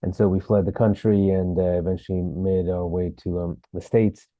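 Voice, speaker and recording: A man from Sri Lanka, an actor, telling his story as a podcast guest in a relaxed way, with fillers. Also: low-pitched, moderate pace, dry recording, narrow, tinny audio. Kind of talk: interview.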